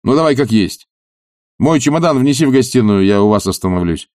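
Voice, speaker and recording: A man voicing a decisive, energetic friend who gives orders in a brisk way. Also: mid-range voice, no room sound, studio quality, lightly acted.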